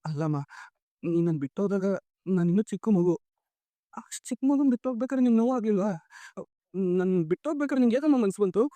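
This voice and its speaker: Quick, earnest son in a TV serial, pleading with his mother. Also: sits high, animated, warm tone, no room sound. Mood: questioning. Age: young adult. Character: young son longing for his lost mother. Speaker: college-going son. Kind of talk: TV serial acting.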